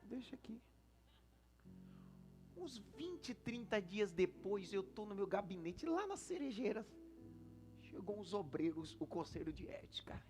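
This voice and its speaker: A man with a Brazilian Portuguese accent, a senior pastor preaching a storytelling sermon in church, swinging between hushed asides and shouted lines. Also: sits high, big pitch swings, unhurried, pauses often, soft background music. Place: church service.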